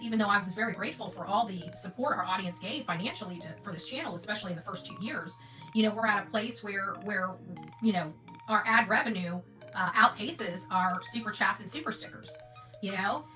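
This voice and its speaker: An American woman with a mid-range voice and sharp tone chats casually with viewers of her online channel, rambling and emphatic, repeating phrases. The mic is distant and music plays behind her.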